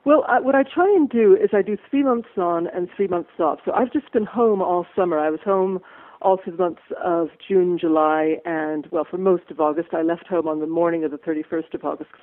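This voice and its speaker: A middle-aged woman with a mixed American and Irish accent, a musician chatting on a phone interview, upbeat and quick to laugh. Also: on the low side. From USA. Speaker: musician guest. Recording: tinny phone line.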